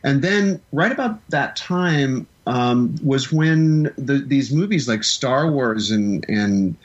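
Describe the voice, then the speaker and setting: A man's voice: medium pitch, animated, slow, lo-fi sound. Enthusiastic man from the Midwest. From American Midwest. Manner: enthusiastic, rambling with restarts. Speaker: film composer guest. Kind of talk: casual interview storytelling.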